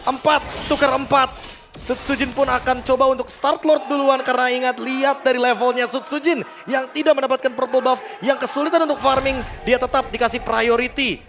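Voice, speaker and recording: A man's voice: very high-pitched, steady tone, a little fast, gravelly, fairly bright tone. A man with an Indonesian accent giving analytical commentary on an esports match. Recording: game music behind the voice. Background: music.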